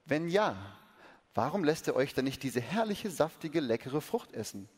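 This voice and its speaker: A man voicing a sly, cunning serpent that tempts in a low, hushed and slow voice, read from a children's storybook. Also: very animated, husky. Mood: coaxing whisper. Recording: long reverb of a large hall.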